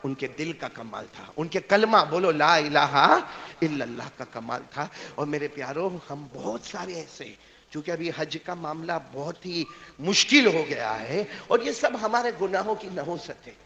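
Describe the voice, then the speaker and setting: A man preaching a sermon, telling a story with impassioned swings from quiet speech to shouting. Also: on the high side, lively intonation, big-room sound, muffled recording. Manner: impassioned, swings from quiet to shouting, addresses listeners as dear ones.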